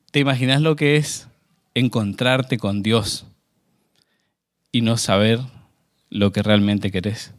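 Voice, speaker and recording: A man preaching a sermon with a medium-pitched voice. He talks in a relaxed, conversational way and keeps asking his listeners questions. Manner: conversational, asks the congregation questions.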